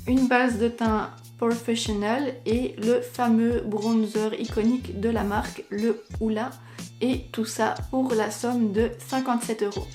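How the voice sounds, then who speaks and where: A woman's voice: on the high side, darkish tone. A young woman, chatting casually as a beauty vlogger and filling her talk with little fillers. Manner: chatty, many fillers like "donc" and "ben". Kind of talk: casual chat.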